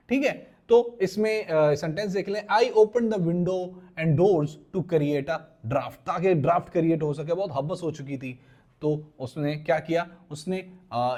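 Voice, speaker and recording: A man from Pakistan giving a vocabulary lecture, explaining English words in Urdu, spelling them out letter by letter and reading example sentences slowly. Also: fairly high pitch, darkish tone.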